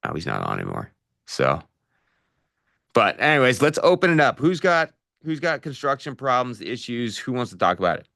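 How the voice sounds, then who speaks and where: A man's voice: medium pitch, wildly swooping pitch, normal speed, creaky, sharp tone. A middle-aged man coaching a live online session on real estate, casual and direct, calling listeners "you guys" with plenty of fillers. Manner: direct practical advice with fillers.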